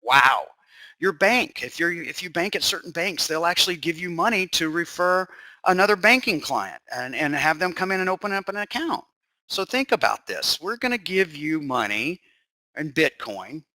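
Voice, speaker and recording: A man, presenting a sales webinar with an enthusiastic, salesy pitch and casual fillers. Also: sing-song, moderate pace, pushed and bright, dry recording. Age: 50s or 60s.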